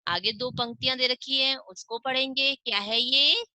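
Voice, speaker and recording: A woman teaching young children online, with a Hindi accent, reading words slowly syllable by syllable and asking questions she then answers herself. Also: high voice, pushed and bright, no room sound, rough recording. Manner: slow, drawn-out syllable-by-syllable reading. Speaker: primary school teacher. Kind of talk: online class lesson.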